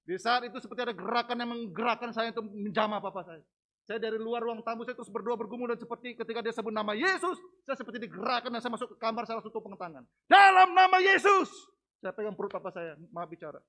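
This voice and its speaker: High-voiced man preaching a dramatic testimony. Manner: dramatic, swings from hushed to loud. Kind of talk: sermon testimony. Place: church.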